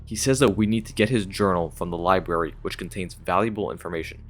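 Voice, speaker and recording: A man's voice: low voice, quick pace. A man hosting a gaming video, reading scripted retrospective narration in a casual, enthusiastic way.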